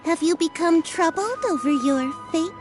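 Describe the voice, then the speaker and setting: A woman's voice: very high-pitched, moderate pace, over music. A woman voicing a pompous mystic fortune teller in a video game, with a grandiose, mystical delivery. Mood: grandly mystical.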